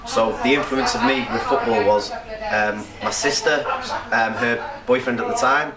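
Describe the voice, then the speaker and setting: A young up-and-coming rapper with a North Wales accent rambles casually through an interview, laughing often, in a medium-pitched, steady voice at normal speed. He's recorded from a distance in an echoey room with crowd noise.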